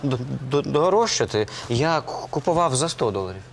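An actor playing an awkward, nerdy crypto miner who explains things with stammers and hesitations. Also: male voice, mid-range voice, sing-song, a little fast, slight background noise, close to an everyday voice. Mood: explaining.

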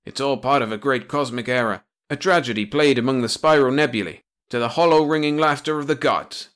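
In a comic storybook reading, a man plays a folksy old alien sage who explains things in a homespun drawl, pitched slightly above plain narration. His delivery is brisk, fairly bright and lightly acted, with a hushed, explanatory mood.

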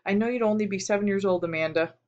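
Audiobook teen boy, quiet and guilty, hesitant delivery, woman reading, dull lo-fi sound. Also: mid-range voice, fast, natural voice. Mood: tender.

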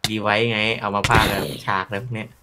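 A man's voice: lowish voice, flat delivery, fast talker. A man in casual chat with a friend, giving short, blunt, dry answers. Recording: audible background noise.

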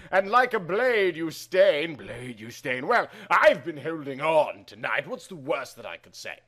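A man giving a dramatic reading of verse, theatrical and emphatic, with drawn-out phrases and shifts between loud and hushed. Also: a little high. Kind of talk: dramatic reading of song lyrics.

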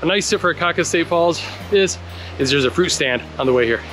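A man's voice: fairly high pitch, lively intonation, brisk. A man in his thirties hosting a casual travel vlog outdoors, giving friendly tips while walking with a handheld camera. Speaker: travel guide host. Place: outdoors on tropical trails and roadsides. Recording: music playing behind the voice.

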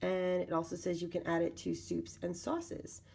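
Woman, low gravelly voice, hoarse with a cold, casual unboxing host, halting label-reading. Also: monotone, a little mellow. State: congested from a lingering cold. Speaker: video channel host. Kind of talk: casual product unboxing narration.

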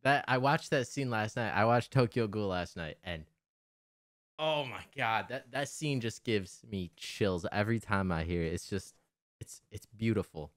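A man's voice: on the low side, lively intonation, normal speed, fairly bright tone, no room sound. A young man giving casual reaction commentary as a streamer, close on the mic. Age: young adult. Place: small room at home.

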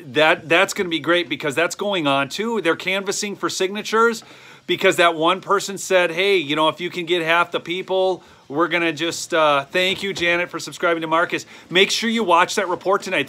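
A Minnesotan-accented channel host in his thirties runs a casual live stream from a small wooden shed or garage, holding a phone camera close. He rambles with many ums and speaks straight to viewers in a fairly high, bright and forceful voice.

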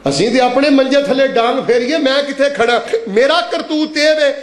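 A man with a high, ringing voice delivers a sermon. His pitch swings widely as he exhorts the crowd and drops into chanted couplets. The sound rings with room echo. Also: fairly even intonation, normal speed. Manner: preaching with sweeping pitch, calls the crowd to repeat aloud, chants verses. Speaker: preacher. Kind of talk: Friday sermon to a congregation.

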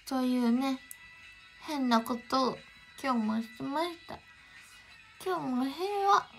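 Giggly high-voiced Kansai woman streaming. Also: takes it slowly, faint music behind. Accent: Kansai Japanese. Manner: giggly, chatty, answers chat greetings. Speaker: livestreamer. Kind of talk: casual livestream chat.

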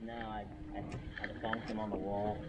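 A young man fishing with a friend on a small boat, bantering in excited slang. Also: on the low side, normal speed, dull audio. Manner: hyped, slangy, bro talk. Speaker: fishing buddy. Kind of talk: casual banter. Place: small open boat on the water, outdoors. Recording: loud wind and water noise.

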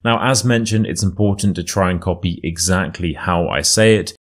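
A low-pitched man speaks in a modern British RP accent. He sounds like a pronunciation teacher, narrating a scripted lesson or story with careful, deliberate articulation so learners can follow.

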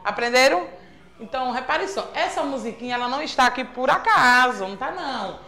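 A woman's voice: high voice, lively intonation, a little fast, bright, forceful tone. A woman from Brazil with a Sergipe accent teaching a remote lesson to young children, prompting patiently and checking in often. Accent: Sergipe Brazilian Portuguese. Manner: patient, sing-song teacherly prompting with frequent checks like "certo?". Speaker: primary school teacher. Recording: echoey room.

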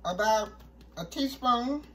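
A woman hosting a cooking show, walking through a recipe step by step in a relaxed, chatty way. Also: a little high, takes it slowly, low-quality recording. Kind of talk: casual cooking demonstration.

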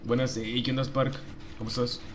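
A man's voice: medium pitch, level tone, fairly quick, noisy background. A young man with a Mexican accent streaming a game, chatting casually in slang and greeting viewers by name. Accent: Mexican Spanish. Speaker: gaming streamer. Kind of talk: casual livestream chat while gaming.

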